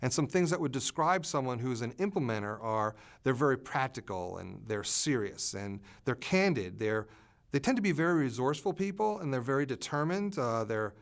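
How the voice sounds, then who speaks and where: A man explaining communication styles as an expert in an interview, pausing often with "uh" fillers. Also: mid-range voice.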